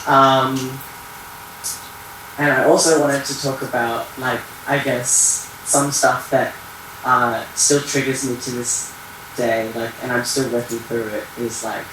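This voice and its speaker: A man's voice: medium pitch, flat delivery, slow pace, distant mic, background noise. Hesitant young man in an echoey hall. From Iran. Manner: hesitant, searching for words, many fillers. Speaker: community talk participant. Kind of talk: open share at a community event. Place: theatre hall.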